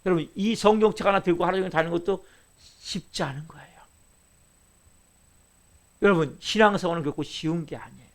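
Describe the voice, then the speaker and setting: A male pastor preaching a sermon, asking the congregation questions and swinging from loud, stretched phrases to hushed asides. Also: high-pitched, fairly quick, long pauses. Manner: fervent preaching with sudden loud rises and hushed drops.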